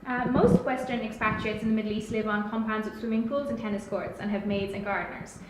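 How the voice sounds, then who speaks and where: A young woman from Ireland who narrates a student piece and then interviews a guest, with a clear, well-rehearsed delivery. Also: medium pitch, steady tone, fast talker. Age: young adult. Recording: loud background noise.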